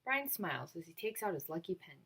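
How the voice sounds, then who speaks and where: A woman reading a children's picture book aloud in an expressive storytelling manner. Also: on the low side, brisk, background noise. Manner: expressive storytelling with acted dialogue. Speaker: read-aloud volunteer reader.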